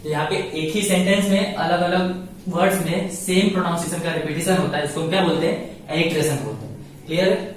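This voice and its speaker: A man's voice: a little high, a little fast, a little hiss or hum. Echoey Indian-English grammar teacher, man. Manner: repeats questions to the class and answers them himself. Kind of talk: online lesson, code-switching explanation. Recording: echoey room, mic at a distance.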